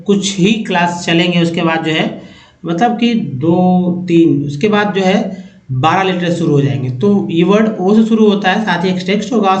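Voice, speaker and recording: A man with a fairly high voice teaches English vocabulary in Hindi, going over each word slowly and more than once. His voice jumps up when a new word comes in. The room gives the sound a noticeable echo. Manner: explains each word slowly, repeating it, rising emphasis on new words. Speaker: English teacher and channel host. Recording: echoey room.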